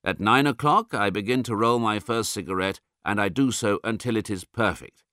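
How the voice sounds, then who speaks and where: A man reading the words of an ill, desperate man in his sixties who smokes, in a low and subdued telling. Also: normal speed, pushed and bright, dry recording, studio quality. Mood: weary. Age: 60s. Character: older male smoker, ill, worn down, desperate.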